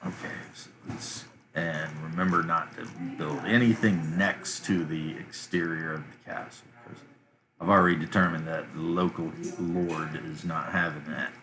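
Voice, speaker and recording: A man casually thinking aloud as he builds a fantasy village map for tabletop games, relaxed and rambling. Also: deep voice, normal speed. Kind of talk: casual commentary while drawing a map.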